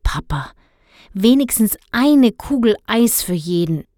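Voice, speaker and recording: A woman's voice: mid-range voice, expressive, unhurried, slightly rough, no room sound, clean studio sound. Woman doing a pleading young boy. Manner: begging, pleading.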